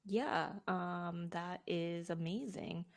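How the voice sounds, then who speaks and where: Young woman, podcast host, casual chat, filler-heavy, lowish pitch. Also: steady tone, takes it slowly, creaky. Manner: chatty, many fillers like "um" and "like". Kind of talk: casual interview.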